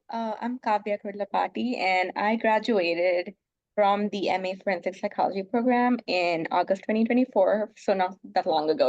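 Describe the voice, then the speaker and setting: A woman's voice: medium pitch, darkish tone, no room sound. A young woman from India, a clinician and panelist, speaking earnestly and steadily with some ums. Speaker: panelist, mental health clinician. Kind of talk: panel introduction and advice. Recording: dull, dry video-call audio.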